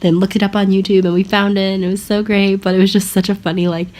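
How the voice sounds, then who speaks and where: A woman's voice: mid-range voice, level tone, fast, darkish tone. A young American woman in her twenties, chatting casually in a vlog with lots of fillers and laughs. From United States. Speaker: vlogger and language assistant at a school. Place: outdoors in a park.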